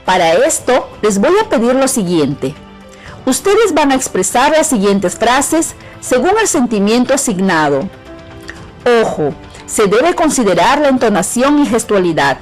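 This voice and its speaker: A middle-aged woman with a Peruvian accent, a teacher giving a clear, measured lesson on an educational radio program. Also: a little high, sing-song, soft background music, low-quality recording. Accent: Peruvian Spanish. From Peru. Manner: clear, measured instruction to students.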